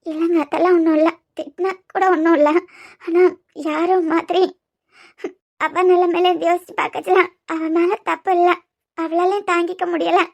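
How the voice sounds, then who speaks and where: A woman plays a devoted young wife in a cartoon, anxious and close to tears. Her voice sits very high, soft and pleading, with a Kanyakumari accent. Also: little pitch movement, normal speed, vocal fry. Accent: Kanyakumari Tamil. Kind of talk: cartoon voice acting.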